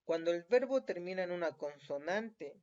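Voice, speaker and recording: A man's voice: high voice, animated, normal speed, darkish tone. A man with a Chilean accent teaching a recorded lesson, patient and checking in with the listener after almost every point. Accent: Chilean Spanish. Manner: patient, checks in often with tag questions. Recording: dull lo-fi recording.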